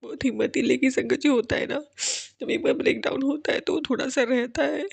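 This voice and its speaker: A woman's voice: high voice, brisk, vocal fry, slightly rough, dry recording. A woman giving an earnest, tearful devotional testimony, pleading and repeatedly addressing the congregation.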